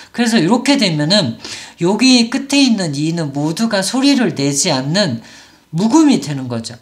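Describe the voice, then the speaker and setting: A woman teaching English pronunciation, explaining patiently and modelling each word slowly, several times over. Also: lowish voice. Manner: patient, models words slowly and repeats them. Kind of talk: explanatory lesson.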